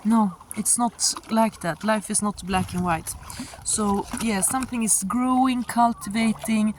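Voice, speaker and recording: Casting: female tarot reader, casual and halting, musing delivery, mid pitch, recorded outdoors with light water noise. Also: steady tone. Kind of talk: casual spoken tarot reading. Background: sound of moving water.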